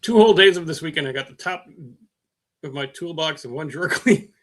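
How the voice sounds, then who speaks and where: A man's voice: a little high, animated, a little fast. Rambling man hosting a live stream. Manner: rambling, self-mocking, many fillers. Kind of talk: casual live-stream chat, reading viewer comments.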